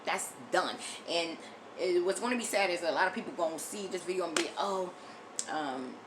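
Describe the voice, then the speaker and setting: A woman's voice: fairly low pitch, fast talker, noisy background. An American woman delivering an impassioned, blunt opinion monologue as a video commentator, emphatic and repeating phrases for force, often swearing. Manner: frequent swearing.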